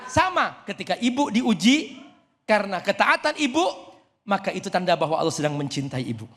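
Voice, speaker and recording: A man preaching to a studio audience, animated and joking with them, his voice jumping up high to stress a point. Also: a little fast. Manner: animated, jokes with the audience, swoops up high for emphasis. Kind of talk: humorous sermon to a studio audience. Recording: reverberant studio hall.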